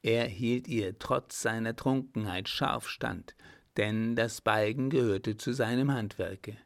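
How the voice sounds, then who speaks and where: A man reading a novel aloud as narrator, in measured, even storytelling. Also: lowish voice, gravelly, no echo, clean studio sound. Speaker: audiobook narrator. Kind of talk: scripted narration.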